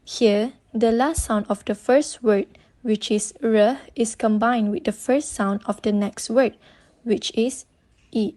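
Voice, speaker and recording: A woman's voice: a little high, slow pace, warm tone. A young woman with a Malaysian English accent, whose first language is Malay, giving a scripted student presentation and carefully reading out prepared explanations. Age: young adult.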